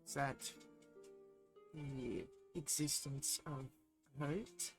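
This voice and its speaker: A woman voicing an ancient, calm tree that answers in slow, puzzled, hushed questions. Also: a bass voice, voice pushed down, heavily acted. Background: faint background music.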